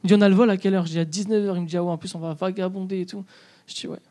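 A man's voice: high-pitched, steady tone, rapid-fire, dark tone. A young man doing stand-up in a comedy club, telling a story and acting out both sides of the dialogue.

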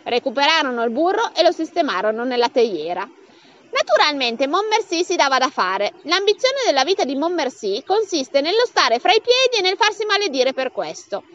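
Woman, expressive audiobook reading, swoops all over in pitch, high voice. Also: fairly quick, dull audio. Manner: lively, acts out the dialogue with raised pitch. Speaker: audiobook reader.

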